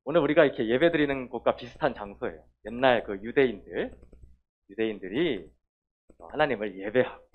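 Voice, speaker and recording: A man preaching a children's sermon, telling the story with animated questions to the kids. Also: medium pitch, fairly quick, phone-quality sound. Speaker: children's pastor.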